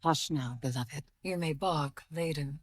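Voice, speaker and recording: Casting: cartoon royal, stately, imperious, husky voice, dry close sound. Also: female voice, low-pitched, measured pace, dry recording. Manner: formal, stately. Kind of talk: animated series voice acting.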